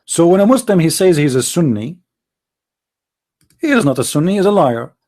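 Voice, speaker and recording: A man's voice: a little high, sing-song, normal speed, mellow. A man hosting a call-in religious debate show, firing off combative rhetorical questions in non-native English. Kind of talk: live-stream religious debate talk.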